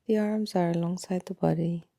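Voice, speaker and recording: In a fairly low-pitched, soft, breathy voice, a woman takes listeners through a guided body scan meditation without hurrying. She keeps drifting toward a near-whisper with long silences, and there's no room sound.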